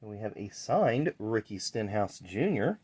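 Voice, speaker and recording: A man's voice: fairly low pitch, big pitch swings, a little slow, a little mellow, slightly rough. A man hosting a casual card-collecting vlog, talking in a chatty, rambling way with fillers. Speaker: channel host.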